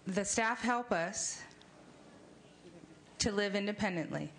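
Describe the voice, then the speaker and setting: A woman testifying at a public hearing, speaking slowly in a halting, deliberate way. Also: mid-range voice. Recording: busy crowd noise around the mic.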